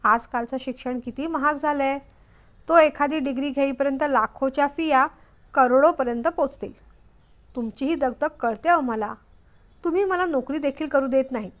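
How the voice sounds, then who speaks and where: Young storybook wife, read by a woman: high, pleading, persuasive. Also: normal speed, natural voice. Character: worried young wife, coaxing then defiant.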